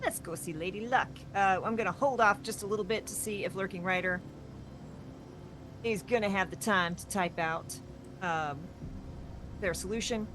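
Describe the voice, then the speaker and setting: Streaming a co-op game as host, she chats easily and thanks viewers in a cheerful, upbeat way. Her medium-pitched voice moves at normal speed with long pauses, over background noise.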